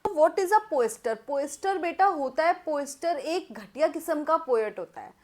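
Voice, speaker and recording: A woman teacher with an Indian accent explains English vocabulary terms, switching between Hindi and English. Her voice sits high, and she speaks at an unhurried, dictating pace, repeating phrases while writing them out for students she calls "beta". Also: expressive, a little mellow. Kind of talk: classroom vocabulary lesson, Hindi mixed with English.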